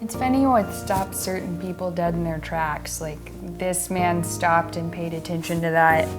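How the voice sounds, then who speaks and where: Faint music sits behind a woman whose voice is on the low side, fairly even in intonation and unhurried. As a guest painter looking over photographs, she chats casually and offers frank, opinionated takes.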